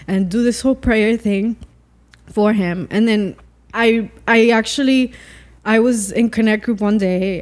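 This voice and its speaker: A woman's voice: medium pitch, darkish tone. A young woman, a podcast guest, telling a personal faith story in casual chat, rambling with lots of "like" fillers. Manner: rambling, full of "like" fillers and acted-out quotes.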